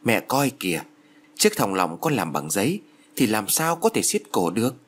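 A flippant, eerie young woman in an audiobook, as a male narrator voices her, tossing off her lines in a quick, teasing way. The voice has a husky edge and moves up and down in lively swings. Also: on the low side. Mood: offhand.

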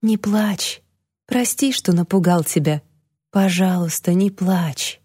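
A woman's voice: medium pitch, animated, normal speed, darkish tone, no echo, clean studio sound, close to an everyday voice. A woman reading the part of a cocky, show-off young man who turns bitter and sulky. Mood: tender. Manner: teasing, then bitter and sulking.

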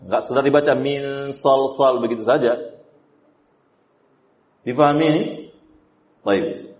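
A man's voice: medium pitch, a little mellow. Man teaching Quran recitation, echoey lo-fi. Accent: Indonesian. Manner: explains then chants examples slowly, asks the class questions. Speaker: tajwid teacher. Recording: roomy, dull lo-fi lecture recording.

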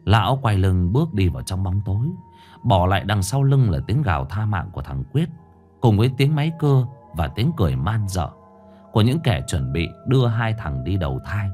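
A man narrating a dark crime story in a grave, dramatic manner. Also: low voice, big pitch swings, brisk, faint music behind.

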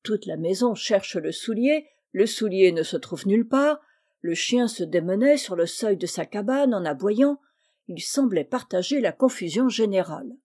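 Mellow-voiced woman reading a children's tale. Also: medium pitch, husky. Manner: measured, expressive storytelling. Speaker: narrator. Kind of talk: audiobook reading of a classic children's story.

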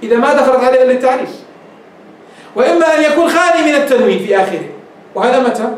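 A man with a Levantine Arabic accent teaches a grammar class, explaining patiently and checking that his students follow. His voice sits very high for a man, and he talks quickly. The recording is strongly echoey, with the mic well away from him. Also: expressive. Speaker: Islamic scholar teaching grammar. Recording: echoey room, mic at a distance.

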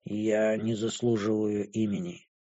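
A gloomy young dragon-woman speaks in a hushed, toneless murmur, as a male audiobook reader puts her on. Her voice sits low, dark and muffled. She drags out every word with cold indifference. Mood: flat detached. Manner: flat, indifferent, hushed and slow. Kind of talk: audiobook character voice.

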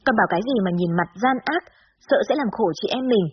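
A woman's voice: a little high, expressive, fast, muffled recording, slight background noise, natural voice. A woman voicing a young girl, a worried little sister, explaining earnestly in a storybook reading.

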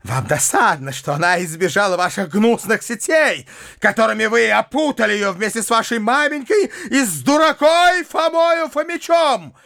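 A man voicing a furious, shrill middle-aged gentlewoman in an audiobook, screeching a scolding tirade of accusations. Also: lively intonation, a little fast, few pauses, no room sound, studio quality, natural voice. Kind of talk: audiobook character voice.

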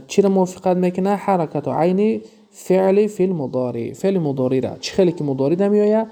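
A man with a Tajik accent teaching Arabic grammar from a textbook, explaining step by step, asking and answering his own questions and repeating example words slowly. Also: on the high side, vocal fry, darkish tone.

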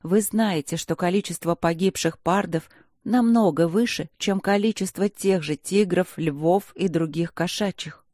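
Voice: mid-range voice, unhurried, a little mellow, dry recording, studio quality, close to an everyday voice. A narrator voicing a young, proud female werepanther student in a fantasy audiobook, sassy and indignant. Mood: earnest. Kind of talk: audiobook character voice.

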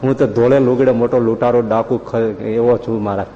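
A man voicing a repentant former bandit who pleads humbly to his lord, in a lower, softer voice than his narration. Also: fairly even intonation, fairly quick, natural voice. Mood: humble pleading. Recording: reverberant hall, dull lo-fi sound.

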